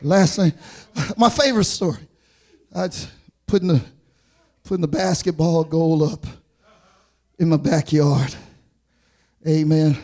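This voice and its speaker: A man's voice: fairly high pitch, a little slow, pauses often, darkish tone. A man preaching a sermon with a rhythmic cadence and repeated call-outs to the congregation.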